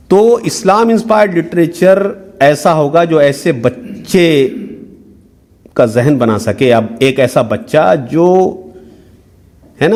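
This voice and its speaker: This middle-aged workshop lecturer speaks in a fairly high voice with a darkish tone. His explanation unfolds one step at a time, English words slip into his speech, and he keeps checking in with "hai na?".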